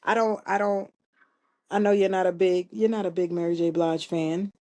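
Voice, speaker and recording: A woman co-hosting a casual podcast chat, thinking out loud with restarts and emphatic asides. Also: fairly low pitch, steady tone, moderate pace. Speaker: podcast co-host.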